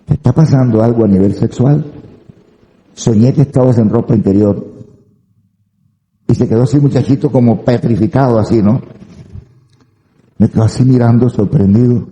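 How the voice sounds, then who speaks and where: A male pastor preaching a sermon, telling stories in an animated way and acting out the voices of the people he quotes. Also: lowish voice, echoey room, in a large hall, muffled recording. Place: church sanctuary.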